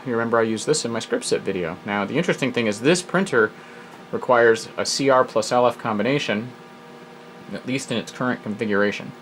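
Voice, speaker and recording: On a retro computer video, a hobbyist host works through an old program, musing aloud as he reads prompts and adding wry asides. His mid-range, slightly bright voice moves a little fast, and the poor audio has some hiss or hum.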